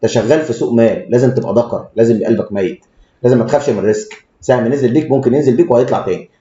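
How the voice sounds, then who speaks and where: A man's voice: medium pitch, very fast, dark tone. A man with an Egyptian Arabic accent giving blunt, crude stock market commentary and stumbling over frequent restarts. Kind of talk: rapid technical market commentary. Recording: echoey room, dull lo-fi sound.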